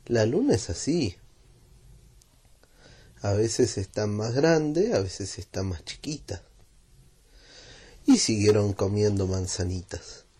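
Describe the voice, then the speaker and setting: A man with a Rioplatense Spanish accent reading a children's story aloud in a gentle, unhurried way. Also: on the low side, lively intonation, slightly rough.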